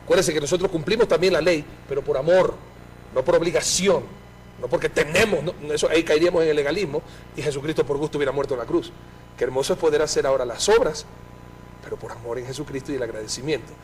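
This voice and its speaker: A man's voice: fairly high pitch, fast, slight background noise. A man interviewing a guest about faith, speaking in a fervent, preacher-like way.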